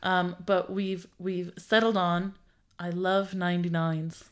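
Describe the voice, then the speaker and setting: A woman co-hosting a podcast, chatting casually, playful and quick to giggle. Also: lowish voice, little pitch movement. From Ireland. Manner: playful, giggly, drifts into silly bits. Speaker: podcast co-host. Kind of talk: casual comedic chat.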